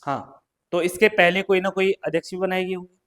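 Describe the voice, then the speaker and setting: A high-voiced man teaching an exam-prep class. He keeps asking the class questions and answering them himself, peppering his lesson with little checks like "right?". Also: fairly even intonation, brisk, a bit bright. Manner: questions then answers himself, frequent "ठीक है" and "है ना". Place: coaching classroom or studio.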